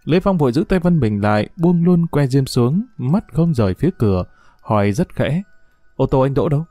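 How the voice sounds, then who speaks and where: A man narrating a detective story in a steady, measured reading. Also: mid-range voice, no echo, faint music behind.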